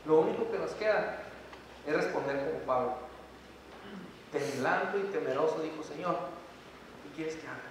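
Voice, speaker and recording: An impassioned male preacher, pleading directly with his congregation. His fairly high voice rings through a large church hall with long reverb and is heard from some distance. A faint hum of room noise sits underneath. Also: normal speed, creaky, pauses often. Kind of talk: sermon.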